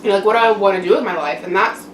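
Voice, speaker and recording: A young woman mukbang vlogger speaks rapidly in a mid-range voice, delivering a casual personal monologue to the camera. The mic is distant, with roomy echo and background noise.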